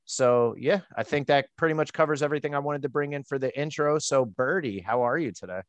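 Male host, young adult, from the East Coast; eager, rambling, mid-pitched; close dry mic. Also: brisk, no echo. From United States (East Coast). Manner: chatty, enthusiastic, rambling with many "like"s. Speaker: podcast host. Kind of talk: casual interview.

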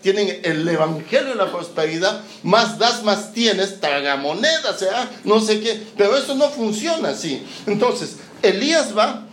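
Predicador chileno bromista con eco. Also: male voice, sits high, unhurried, slight background noise. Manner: lively, joking, acts out scenes. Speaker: preacher. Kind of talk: sermon. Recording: roomy echoing hall.

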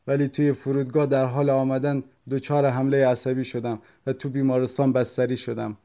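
A man voicing a desperate, grieving brother who shouts and pleads with police. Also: medium pitch, close to an everyday voice.

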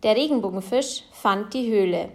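A woman reading a children's picture book aloud in a slow, expressive way. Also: medium pitch. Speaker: storyteller.

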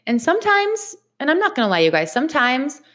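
Woman, casual motivational vlog, animated, chatty, repeats herself for emphasis. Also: high voice, brisk. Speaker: vlogger. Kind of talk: casual motivational talk to camera.

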